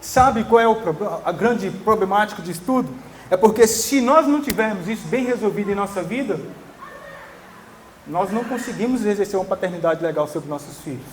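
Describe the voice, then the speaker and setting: Man in his thirties, pastor, sermon, higher voice, earnest and emphatic, faint hum behind. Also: expressive, a little fast. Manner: earnest, emphatic preaching with soft tender asides.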